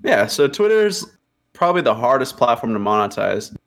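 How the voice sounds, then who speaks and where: Relaxed and slangy, this young man in his early twenties talks casually on a podcast and says "bro" constantly. His voice is mid-range and a bit bright, with a sing-song lilt at a normal speed.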